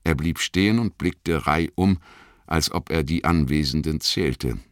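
A man reading a fantasy audiobook as narrator, expressive and dramatic. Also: rumbling low, unhurried, no room sound, studio quality. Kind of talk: scripted narration.

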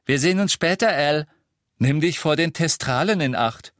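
A man voicing an excited, breathless schoolboy who blurts out gossip. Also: a little high, normal speed, dry recording, clean studio sound, pitched above the performer's own voice. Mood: teasing. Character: excited boy James, loud, breathless, boastful.

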